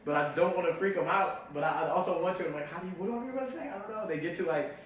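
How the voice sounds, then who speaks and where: A young man telling a story in casual chat, animated and full of "like", acting out his own reactions. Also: high voice, very fast. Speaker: actor telling a story on a livestream. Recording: echoey, distant mic, faint noise.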